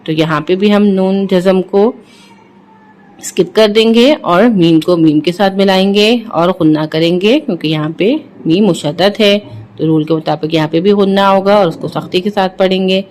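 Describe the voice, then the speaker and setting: A Quran reading teacher with a Pakistani Urdu accent, sounding out letters and syllables slowly and then explaining each rule quickly. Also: darkish tone. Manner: drawn-out syllables, then brisk low explanations. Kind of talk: slow letter-by-letter recitation drills with quick explanations.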